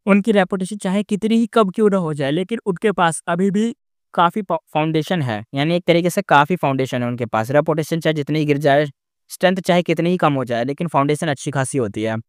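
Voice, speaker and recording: A man's voice: fairly high pitch, fairly quick, smooth, no echo, studio quality. A man recapping a fantasy novel in casual narration, rambling with frequent fillers and restarts.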